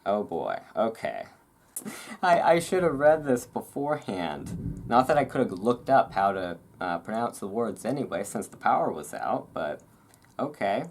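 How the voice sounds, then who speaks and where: An unhurried host with a mid-range voice and big swings in pitch reads from a book for an ASMR audience, breaking off for rambling, self-deprecating chat. Thunderstorm sounds and room noise come through in this noisy home recording.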